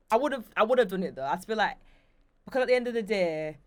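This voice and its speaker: A woman's voice: medium pitch, moderate pace, dry recording. A young woman, telling stories animatedly as a guest in a casual interview. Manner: chatty, animated storyteller with lots of fillers.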